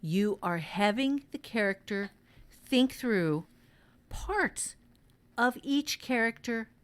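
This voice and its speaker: A woman teaches fiction writing during a casual podcast conversation, speaking deliberately and repeating phrases for emphasis. Her voice is smooth and fairly high, with lively intonation.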